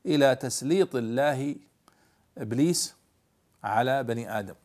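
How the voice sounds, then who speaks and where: Male scholar, mid-pitched voice, lively lesson commentary, slows to spell out readings. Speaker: scholar explaining a Quran commentary.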